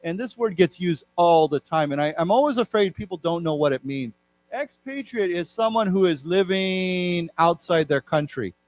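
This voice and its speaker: A man's voice: high voice, lively intonation, moderate pace. Man teaching english vocabulary to a class. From Taiwan. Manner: explains words, has the class repeat them. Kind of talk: live classroom lecture. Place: lecture room.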